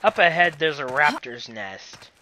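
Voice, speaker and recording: A man's voice: fairly high pitch, animated, a little slow, sharp tone, slight background noise. A man giving casual, rambling commentary over a game playthrough, apologetic and given to corny jokes. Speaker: gameplay commentator.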